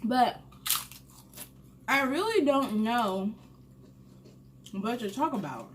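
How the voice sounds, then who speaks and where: A young adult woman hosting a mukbang, casually telling a funny story while eating, animated and swearing freely. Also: fairly high pitch, slow, slight background noise. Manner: candid and animated, swears freely, laughs at her own story. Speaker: mukbang host.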